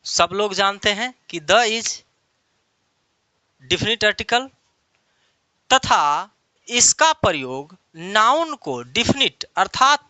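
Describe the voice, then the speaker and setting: A male teacher gives an online English lesson at an unhurried pace, his bright voice rising and falling a lot. He explains patiently and goes back over each key phrase several times. The sound is dry and close, with no room echo. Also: high voice.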